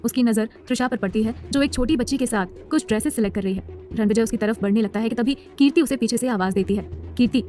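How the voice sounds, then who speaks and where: A woman's voice: fairly high pitch, fast talker, warm tone, faint music behind. A woman narrating a serialized romance story in a scripted storytelling style.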